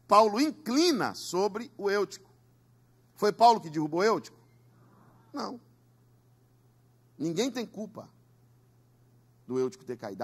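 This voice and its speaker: A pastor, a man with a husky, slightly raspy voice, preaches an emphatic sermon in a church. He asks the congregation to repeat his words and talks in a high register. His pitch leaps widely from line to line. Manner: emphatic preaching with call-and-response. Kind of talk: Pentecostal sermon.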